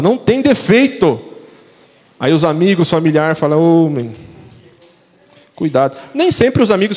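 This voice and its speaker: A man's voice: on the high side, a little mellow, long reverb tail. A young man with a Brazilian Portuguese accent preaching a casual sermon, chatting with the congregation, slangy and asking them questions. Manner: conversational, slangy, asks the audience questions. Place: church hall.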